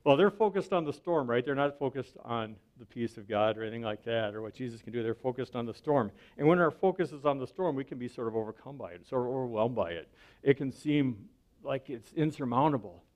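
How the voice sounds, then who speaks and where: A man's voice: medium pitch, lively intonation, fairly quick, darkish tone. A man giving a sermon as a pastor, speaking in a conversational way and often checking in with the listener. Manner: conversational preaching, often asks the listener "right?".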